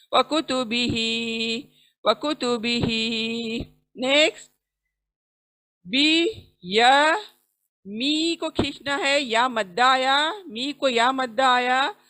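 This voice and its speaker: A woman teaching Quran recitation, chanting words slowly with long drawn syllables between quick explanations. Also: high voice, bright, forceful tone. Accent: Indian. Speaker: tajweed teacher. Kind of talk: recitation lesson.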